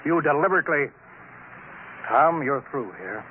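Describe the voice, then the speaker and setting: An actor playing a bullying, explosive colonial bureau chief in a 1950s radio drama. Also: male voice, on the high side, animated, normal speed, natural voice. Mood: angry. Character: blustering tyrannical male colonial boss. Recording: scratchy tinny old radio broadcast.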